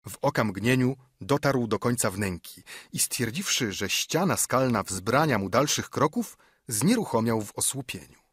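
A man reading a classic story as an audiobook narrator, with steady storytelling. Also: moderate pace, breathy edge, no room sound, clean studio sound. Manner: steady storytelling, lifting pitch for quoted dialogue. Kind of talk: scripted narration.

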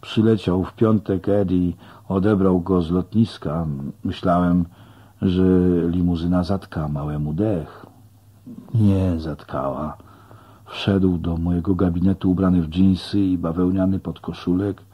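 A man reading an audiobook aloud in a slow, plain first-person storytelling manner. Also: low-pitched, steady tone, dark tone, husky. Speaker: audiobook narrator. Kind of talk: audiobook narration.

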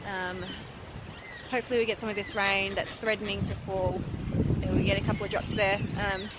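A woman's voice: medium pitch, little pitch movement, a little fast. A woman in her thirties talking casually to a handheld camera about her farm, with lots of fillers and some frustration. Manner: chatty, filler-heavy, frustrated. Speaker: vlogger. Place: car, then outdoors on a rural property. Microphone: handheld camera at arm's length. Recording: noisy car and outdoor background.

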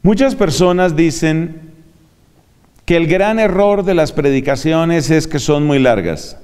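A man teaching how to preach, in a measured lecture manner that shows off his vocal range. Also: a little high, darkish tone. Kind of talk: homiletics lecture. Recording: long hall reverb.

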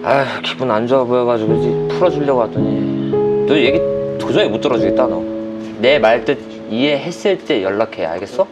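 A man's voice: medium pitch, lively intonation, normal speed, over loud music. A man playing a consoling friend in a comedy sketch, with a teasing, playful, sing-song delivery.

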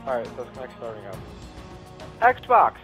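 A man casually chatting while he barks loud voice commands at a game console and laughs often. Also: medium pitch, lively intonation, unhurried, muffled recording, faint music behind. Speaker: gamer trying voice control. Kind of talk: casual gaming chat.

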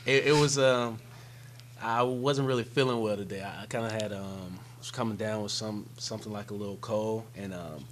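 A man's voice: fairly low pitch, steady tone, moderate pace, slight background noise, low-quality recording. A young man, a college basketball player, answering press conference questions hesitantly with many fillers into a desk microphone. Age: young adult. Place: press conference room, seated at table. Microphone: desk microphone on stand.

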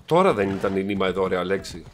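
A man's voice: low-pitched, lively intonation, a little hiss or hum. A young man hosting a gaming channel, giving playful, joking let's play commentary with some swearing.

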